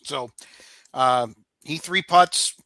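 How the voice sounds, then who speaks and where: A man hosting a casual sports talk show, recapping results in a relaxed, conversational way with fillers, over a podcast microphone. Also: mid-range voice, extremely slow, no room sound.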